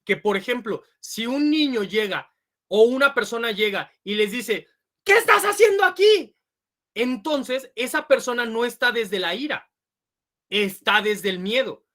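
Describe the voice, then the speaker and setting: A woman gives a lecture to parents. She explains each point and checks in with the audience with quick "ok?" asides. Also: fairly high pitch, a bit bright. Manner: acts out quoted voices. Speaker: speaker giving a parenting talk.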